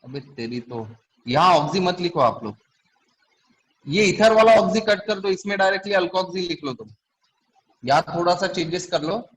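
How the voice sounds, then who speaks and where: A man's voice: high voice, animated, normal speed, long pauses, fairly bright tone, rough recording. A man teaching a chemistry class, explaining step by step and quizzing his students. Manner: asks the class questions often. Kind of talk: classroom lecture.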